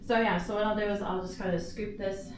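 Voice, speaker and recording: A woman's voice: medium pitch, steady tone, a little fast. A woman working as a medical caregiver, casually explaining a procedure step by step in a hospital room. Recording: distant mic in echoey, noisy room.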